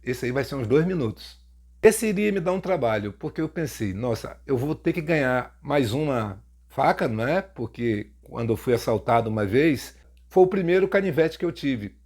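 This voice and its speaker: A man's voice: medium pitch, animated, moderate pace, darkish tone. A man with a Brazilian Portuguese accent telling a first-person story to his viewers in a casual, mocking, jokey way. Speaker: storytelling YouTuber.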